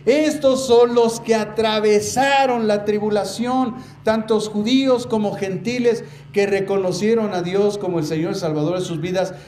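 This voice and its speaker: A man preaching to his congregation with a rather high voice, pressing hard on his main points and drawing words out for weight. He keeps turning to the listeners as brothers. The sound is roomy, with a faint hiss behind it. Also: fairly even intonation, darkish tone. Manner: emphatic, slows down to stress key words. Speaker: pastor. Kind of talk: sermon. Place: church. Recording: echoey church room with faint noise.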